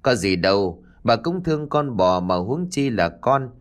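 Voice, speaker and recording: A man voicing a patient village father who gently coaxes his daughter. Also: mid-range voice, big pitch swings, measured pace. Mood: soothing. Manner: soothing, coaxing.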